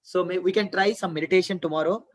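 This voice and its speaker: A man's voice: sits high, steady tone, quick pace, distant mic. A man with an Indian English accent teaching a Gita class to children online, explaining patiently and having them repeat verses.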